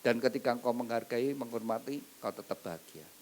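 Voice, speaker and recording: A man preaching a wedding sermon, swinging between loud emphatic lines and soft asides. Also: medium pitch, a little fast, slight background noise. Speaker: pastor.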